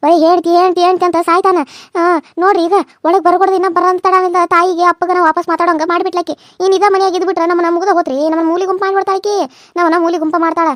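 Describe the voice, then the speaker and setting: A shrill, very high, berating cartoon mother-in-law with a North Karnataka Kannada accent, voiced by a woman. She fires off her scolding at a breakneck clip, repeating herself. The sound is dry and close. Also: level tone, racing, no room sound. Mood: raging. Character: furious scolding middle-aged mother-in-law. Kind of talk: cartoon serial voice acting.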